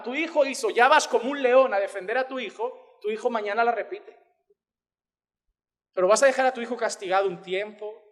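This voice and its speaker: A man's voice: high-pitched, a bit bright. A man preaching an emphatic, impassioned sermon. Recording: long hall reverb.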